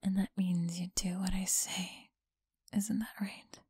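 A woman's voice: mid-range voice, flat delivery, warm tone, no echo. A woman playing a whispering, possessive school bully. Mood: teasing. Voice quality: breathy whisper. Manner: slow, mocking whisper close to the ear. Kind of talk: ASMR roleplay.

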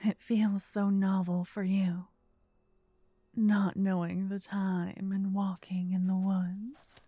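A woman softly whispering a second-person ASMR story as narrator. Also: mid-range voice, little pitch movement, takes it slowly, no echo.

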